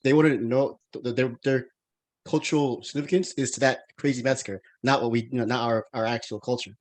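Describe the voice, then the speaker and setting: A thirty-something American podcast host chats loosely through an interview, full of fillers and false starts. He talks fairly quickly in a medium-pitched, darkish voice with fairly even intonation.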